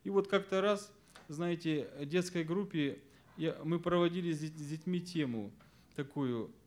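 A man teaching fellow children's Sunday school teachers, earnestly stressing key words and dropping to a soft voice at verse endings. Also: a little high, moderate pace. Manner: explanatory, addresses listeners as friends.

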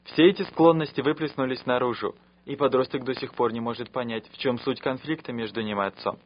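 A man preaching a radio sermon in an earnest, measured teaching manner. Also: mid-range voice, lo-fi sound, a little hiss or hum.

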